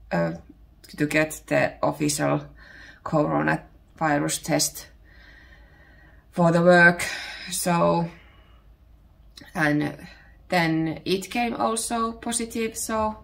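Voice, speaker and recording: At home, a Finnish-accented podcast host in her thirties, from Finland, talks casually with pauses as she reaches for words, her voice recovering after being sick. Her pitch sits on the low side, with vocal fry and a slightly bright tone.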